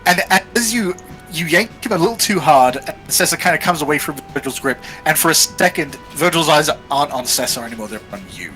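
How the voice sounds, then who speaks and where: A man narrating a tabletop role-playing game as game master, describing scenes in a measured way with fillers. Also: on the high side, lively intonation, sharp tone, faint music behind, rough recording.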